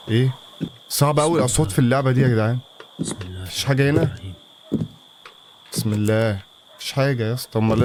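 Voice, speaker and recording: A man's voice: mid-range voice, background noise. Jumpy Egyptian man playing a horror game. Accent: Egyptian Arabic. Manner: jumpy, talks to himself, nervous mutterings. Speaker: gaming channel host. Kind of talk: horror game let's-play commentary.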